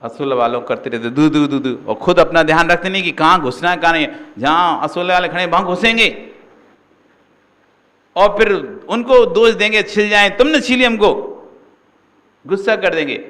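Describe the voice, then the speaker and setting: A man, a Jain monk, giving a sermon that swings between acted-out shouted scolding and soft, gentle advice. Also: on the high side, vocal fry. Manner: acts out scolding and gentle voices in quick swings. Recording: long hall reverb.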